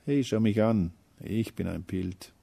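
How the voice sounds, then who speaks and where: A man voicing Courage, a boastful and pushy male feeling in a storybook, speaking loudly in a gravelly voice. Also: on the low side, unhurried.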